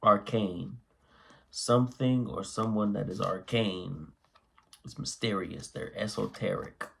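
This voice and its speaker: A man's voice: on the low side, slow pace, vocal fry, fairly bright tone, slightly rough. A man with the hiccups giving a laid-back, rambling spoken vocabulary lesson. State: has the hiccups. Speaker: vocabulary teacher.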